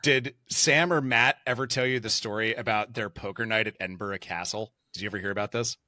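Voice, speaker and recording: A man hosting a casual podcast, rambling and excitable, with lots of fillers. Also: lowish voice, brisk, no room sound, studio quality. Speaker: podcast host.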